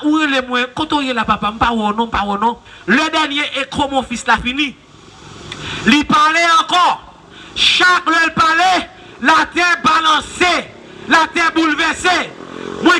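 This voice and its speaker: A Haitian man preaching an open-air revival sermon, chanting repeated refrains and breaking into sudden shouts. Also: very high-pitched, a little hiss or hum. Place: outdoor public square.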